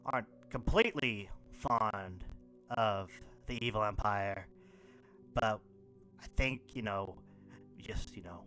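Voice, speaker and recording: A man's voice: on the low side, slow pace, long pauses, fairly bright tone, soft background music. Man doing a stammering nervous cat boy. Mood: hushed, cautious. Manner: stammering, flustered. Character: nervous long-haired cat boy, teen.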